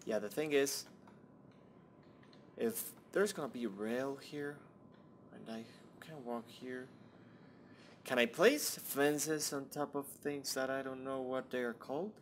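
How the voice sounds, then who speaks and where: A man's voice: medium pitch, takes it slowly, pauses often, slight background noise. A young man rambling and swearing to himself while commentating a building game, often muttering under his breath. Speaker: Minecraft let's-play host. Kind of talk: casual gameplay commentary.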